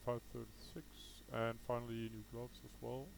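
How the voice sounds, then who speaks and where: With a medium pitch, little pitch movement, and a moderate pace, a man from Denmark gives unscripted gameplay commentary in his Danish accent; he is a native Danish speaker and a gaming video host. His voice is creaky over background noise, and he thinks aloud hesitantly, self-correcting along the way.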